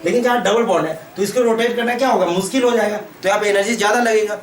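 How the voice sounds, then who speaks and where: High-voiced Indian man lecturing in an echoey room. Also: rapid-fire, a little hiss or hum. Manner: asks and answers his own questions, repeats key terms. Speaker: chemistry teacher. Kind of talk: whiteboard lecture. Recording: echoey room, mic far off.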